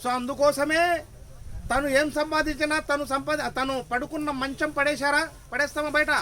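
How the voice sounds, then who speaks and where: A hoarse man preaching a sermon, firing rhetorical questions at the crowd and rising to shouts. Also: very high-pitched, flat delivery, normal speed, slight background noise, poor audio. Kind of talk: sermon at a religious gathering.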